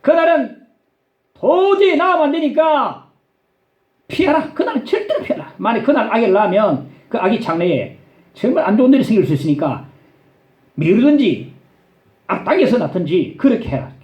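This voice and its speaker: A man's voice: very high-pitched, very animated, normal speed, pauses often, reverberant, muffled recording, voice pushed up. A pastor putting on a fretful, scolding mother. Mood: anxious scolding. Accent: Gyeongsang Korean. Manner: urgent, scolding warnings. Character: fretful superstitious mother, older woman, insistent.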